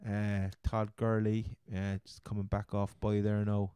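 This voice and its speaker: Cork irish guy chatting sports, kinda rambly, repeats himself, soft dark tone. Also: fairly low pitch, monotone, measured pace, smooth, no room sound. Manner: rambling, repeats his words. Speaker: podcast host. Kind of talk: casual chat, fantasy football commentary.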